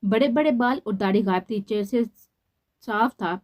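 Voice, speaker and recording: A woman narrating a romance novel in a steady storytelling manner. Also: mid-range voice, normal speed. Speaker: novel reader.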